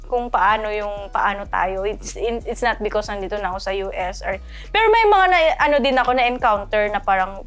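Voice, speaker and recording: A woman nurse from the Philippines, chatting casually to camera, often laughing as she talks. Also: a little high. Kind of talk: casual vlog talk.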